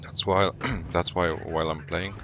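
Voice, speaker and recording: A man from Poland, speaking English as a second language, streaming a tank game live and explaining his decisions as he plays, with relaxed banter. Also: sits low, measured pace, gravelly, highs cut off, background noise. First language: Polish. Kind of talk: live gameplay commentary.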